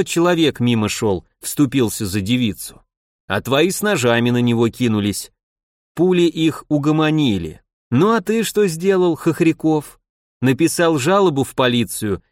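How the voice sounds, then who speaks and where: A man's voice: mid-range voice, dry recording, clean studio sound, lightly acted. A man voicing a stern, imperious police chief who scolds and commands, in an audiobook reading. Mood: interrogating.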